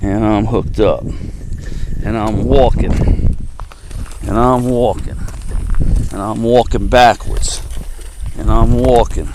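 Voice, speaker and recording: A man narrating his own outdoor work in a slow, repetitive play-by-play with wry asides, recorded on a camera mic outside on rural land. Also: fairly low pitch, steady tone. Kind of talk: casual self-narration while working. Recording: outdoor wind and nature noise. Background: wind and rural outdoor noise.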